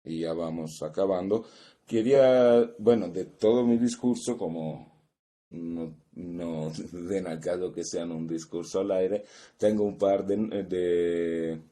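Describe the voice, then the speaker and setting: Pausing now and then to find words, the low, mellow-voiced man presents an academic conference talk from his notes in a measured way. He is an Italian seminar presenter whose native tongue is Italian, heard through a video-call microphone.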